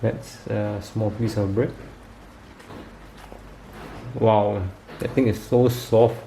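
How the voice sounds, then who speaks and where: A man casually demonstrating and reviewing a bread maker in his home kitchen, relaxed and chatty with lots of fillers. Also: fairly low pitch, drawn-out words, gravelly. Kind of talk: casual demo vlog. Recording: echoey kitchen with faint background noise.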